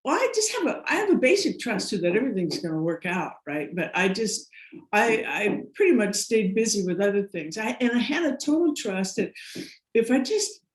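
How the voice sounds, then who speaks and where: An American woman, a guest, tells stories in a casual interview, her mid-range voice very animated at a moderate pace. She rambles, laughs often and restarts a lot, and the room gives her voice a noticeable echo.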